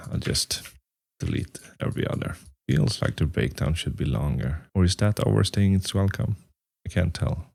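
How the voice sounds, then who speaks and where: Deep gravelly guy muttering through his music making, scatting drum parts, faint music behind. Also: a little mellow, dry recording. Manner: thinking aloud, humming and scatting rhythms. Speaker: musician and YouTuber. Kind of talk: casual talk-through while composing.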